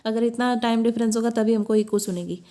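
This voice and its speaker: A woman teacher explaining a science lesson in a classroom lecture style. She asks herself questions as she goes and reads definitions slowly. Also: on the high side, steady tone, mellow.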